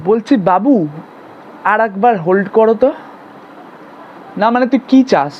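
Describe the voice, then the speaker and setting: A young woman performing a comic sketch, flipping quickly between sweet-talking and bickering characters. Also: mid-range voice, expressive, muffled recording, slight background noise. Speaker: comedy sketch creator. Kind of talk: comic sketch acting several roles.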